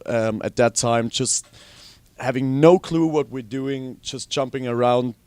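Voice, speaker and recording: Young Austrian-born musician, chatty and dry. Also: male voice, mid-range voice, measured pace, dry recording. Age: young adult. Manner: relaxed, rambling, frequent ums. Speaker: guitarist and singer. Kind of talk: casual interview.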